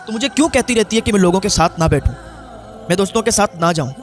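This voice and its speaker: A preacher voicing a pleading, complaining young son. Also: male voice, high-pitched, expressive, quick pace, soft background music, voice pushed up. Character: young adult son, drunk, defiant then desperate.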